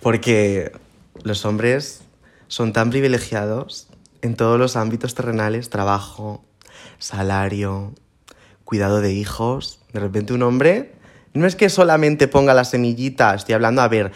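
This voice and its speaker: A man's voice: mid-range voice, a little slow. A young man with a Spanish accent from Spain doing a campy, theatrical comedy monologue as a podcast host, swearing freely and rambling through asides.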